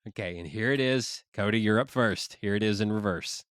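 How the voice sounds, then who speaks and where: A man's voice: lowish voice, a little fast, fairly bright tone, clear, resonant tone, dry recording, clean studio sound. A man co-hosting a podcast, playfully running a game between friends, often breaking into laughter. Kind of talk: casual podcast banter.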